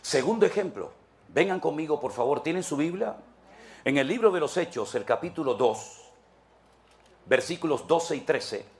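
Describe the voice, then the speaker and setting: A man's voice: a little high, lively intonation, moderate pace, slight background noise. Spanish man preaching with emphatic swings. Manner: preaching with rhetorical questions, swings between emphatic and hushed. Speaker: pastor. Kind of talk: sermon. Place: church.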